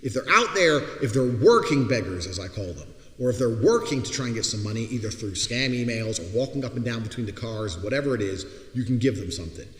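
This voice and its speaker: A man's voice: mid-range voice, animated, fast talker, hardly any pauses, fairly bright tone. A man delivering a blunt, profane opinion monologue, mocking people and swearing freely. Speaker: commentator. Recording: roomy hall with long reverb.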